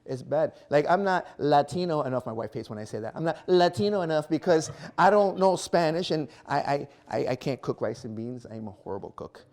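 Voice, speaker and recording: A man in his thirties doing a stand-up comedy set, animated and self-mocking, acting out little scenes. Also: a little high, a little fast, hardly any pauses. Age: 30s. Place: small performance venue before a live audience.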